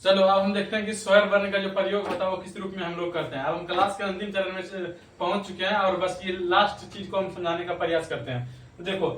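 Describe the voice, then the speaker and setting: High-voiced teacher in an echoey room. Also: male voice, steady tone, fast, a bit bright. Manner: explains step by step, repeats "ठीक ना", laughs at himself. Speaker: Hindi grammar teacher. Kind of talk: classroom lesson explaining to students. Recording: echoey room, distant mic, faint noise.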